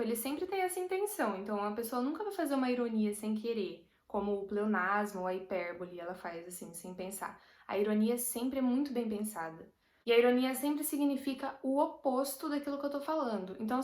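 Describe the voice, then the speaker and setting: A woman with a Brazilian Portuguese accent, teaching a casual language lesson and patiently explaining with everyday examples. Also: a little high. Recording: roomy echo.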